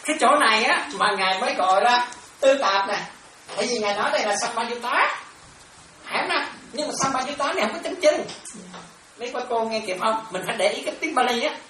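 Nun teaching from far off. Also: female voice, a little high, expressive, brisk, bright, forceful tone. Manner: repetitive, keeps checking if students follow. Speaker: Buddhist monastic teacher. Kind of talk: dharma class explaining Pali terms. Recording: echoey room from far off, ambient noise.

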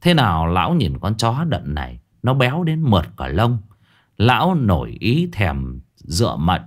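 A man's voice: on the low side, wildly swooping pitch, measured pace. A man narrating a ghost story in a colloquial, earthy, exclaiming way.

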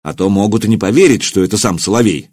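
A man's voice: lowish voice, fast, darkish tone, no room sound, studio quality, close to an everyday voice. A man voicing a sturdy, blunt middle-aged warrior who talks plainly and practically.

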